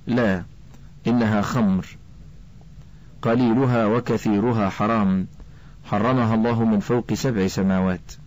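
A man voicing a devout blacksmith father in a storybook, speaking firmly and gravely. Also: on the low side, fairly even intonation, moderate pace, long pauses, a little mellow, natural voice, low-quality recording. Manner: firm and grave.

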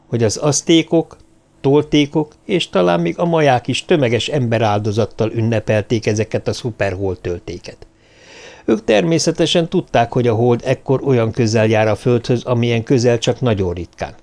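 A man voicing a calm, probing man in an audiobook, talking in a casual, even way. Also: mid-range voice, creaky.

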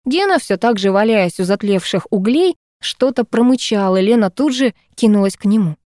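A woman narrating a first-person novel aloud on a close mic, in a steady, absorbed storytelling manner. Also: mid-range voice, normal speed, dry recording. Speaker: audiobook narrator.

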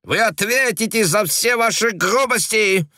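Male reader doing a haughty, shrill Frenchwoman for an audiobook, rolled r's, high and sharp. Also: slow pace, dry recording, clean studio sound, exaggerated voice. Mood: indignant. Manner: shrill, rolls her r's, mixes in French. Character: fiery middle-aged Parisian woman, indignant, haughty.

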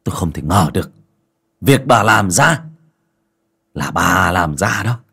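A man voicing a grieving young father who speaks harshly and shouts in anger. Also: low voice, animated, measured pace, vocal fry, slightly rough, exaggerated voice. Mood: furious.

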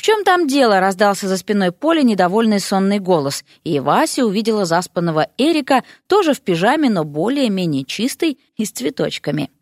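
Lively woman reading a story. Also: medium pitch, brisk, few pauses, dry recording, studio quality. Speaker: audiobook narrator.

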